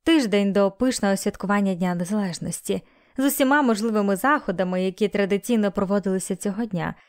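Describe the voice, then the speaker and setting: Female audiobook narrator, steady and even, plain scripted reading. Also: mid-range voice, fast.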